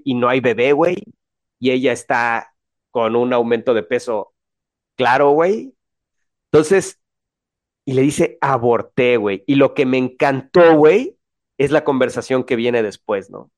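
Excited Mexican man chatting. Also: a little high. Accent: Mexican Spanish. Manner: excited, slangy, many restarts. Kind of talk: casual chat.

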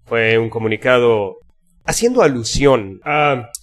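A man's voice: mid-range voice, expressive, a little slow. A man with a Mexican accent co-hosting a casual podcast, joking and slangy, reading out mock-formal statements. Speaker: podcast co-host.

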